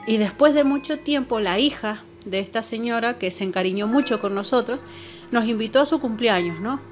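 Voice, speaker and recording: A channel host with a fairly high voice, talking at normal speed, casually shares a personal paranormal story with her viewers. She's chatty and leans on fillers, repeatedly asking "¿no?". Faint music plays in the background.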